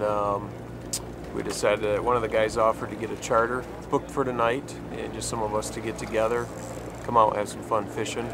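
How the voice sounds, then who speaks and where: A man's voice: on the low side, background noise. A middle-aged man talks casually and jokes while interviewed on a boat on a lake. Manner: relaxed, joking. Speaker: pastor on a fishing trip.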